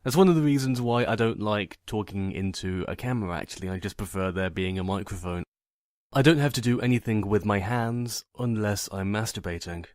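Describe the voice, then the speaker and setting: A man with a fairly low voice speaks in a plain, monotone way. His delivery is matter-of-fact and deadpan, like a personal vlog told to a microphone. The sound is dry, with very little room in it. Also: brisk, dry recording. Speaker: narrator and video creator. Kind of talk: personal vlog monologue, voice only.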